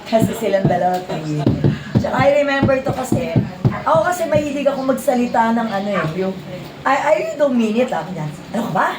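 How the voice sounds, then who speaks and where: A woman's voice: a little high, very animated, fairly quick, very noisy. A Filipino woman chatting casually and giggly, often restarting and mixing in English phrases. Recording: echoey hall, distant mic, very loud crowd.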